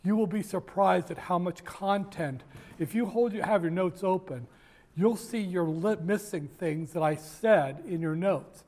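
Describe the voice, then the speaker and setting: A man's voice: high voice, measured pace, a little mellow. A man giving a university finance lecture in a classroom, joking and digressing, talking straight to his students and often stopping to restart his sentences. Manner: jokey, digressive, with many fillers and restarts; addresses students directly.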